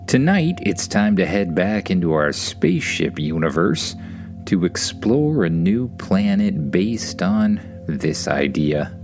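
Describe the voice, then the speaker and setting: A man's voice: deep voice, very animated, slow pace, darkish tone, faint music behind. A man who hosts a story podcast, introducing and narrating for young listeners.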